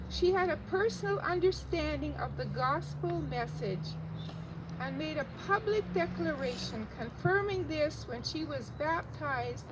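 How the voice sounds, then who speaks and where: An older woman reading a prepared family eulogy in a measured, formal way. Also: high-pitched. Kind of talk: prepared funeral eulogy, read aloud. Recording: distant muffled mic, loud background noise.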